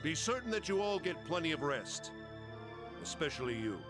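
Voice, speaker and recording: A man's voice: fairly high pitch, very animated, normal speed, over music. An actor playing a formal, authoritative male samurai commander in a video game. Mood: commanding. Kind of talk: dramatic game voice acting.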